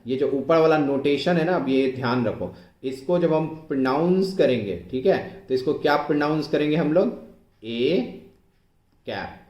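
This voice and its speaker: A male physics teacher giving an online exam-prep lecture, explaining slowly and repeating himself, often asking whether it is clear and dictating English phrases word by word as he writes. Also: a little high, a little mellow, echoey room. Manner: slow, repetitive, keeps asking if it is clear.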